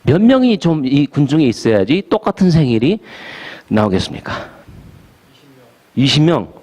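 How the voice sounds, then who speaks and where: A middle-aged man, a pastor, talking lively to a small church audience, asking them questions, laughing often and mixing English words into his talk. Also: fairly high pitch, moderate pace.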